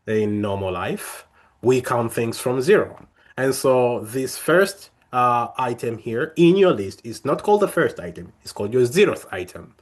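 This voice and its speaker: A young man leading a coding workshop, explaining each step in a friendly way with many fillers and restarts. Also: medium pitch. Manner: friendly, talks through steps with frequent fillers and restarts. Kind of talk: live coding tutorial.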